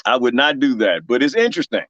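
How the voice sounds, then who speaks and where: A Texas-accented man with a medium-pitched voice talks quickly while planting cuttings in his garden on a livestream. He reads viewer comments, jokes, laughs often and speaks straight to his chat with animated energy. The recording is dry and lo-fi.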